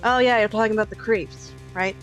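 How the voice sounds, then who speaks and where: A woman's voice: medium pitch, steady tone, fairly quick, muffled recording, faint music behind. A woman gamer giving casual, candid, joking commentary as she reads through a story game.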